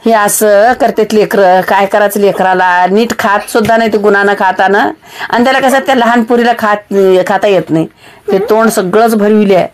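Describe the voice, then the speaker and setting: Chatty woman narrating a home vlog. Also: medium pitch. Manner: chatty, rambling, with frequent fillers and restarts. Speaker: vlogger.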